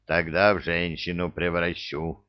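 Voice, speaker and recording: A man voicing a big, lumbering young soldier who teases in a slow drawl. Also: sits low, wildly swooping pitch, highs cut off, exaggerated voice. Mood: teasing.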